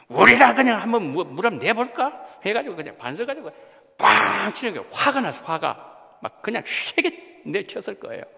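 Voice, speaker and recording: A male pastor preaches in a church sanctuary, his voice swinging widely from low to high as he acts out the people in his text. His tone is gravelly and fairly high, and a long reverb trails each phrase. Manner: animated preaching, acting out quoted voices and asking the congregation questions. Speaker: senior pastor. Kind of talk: sermon.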